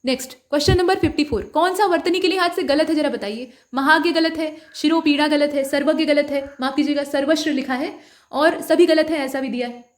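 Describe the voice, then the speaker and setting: A woman's voice: sits high, fairly quick. A woman working through mock test answers as a tutor, patient and step by step, often asking listeners for the answer. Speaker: Hindi exam tutor.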